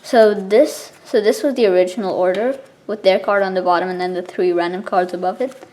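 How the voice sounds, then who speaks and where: A woman explaining something step by step in a casual, informal tutorial style, with halting pauses between steps. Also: medium pitch, steady tone, dark tone. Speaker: card trick tutorial presenter.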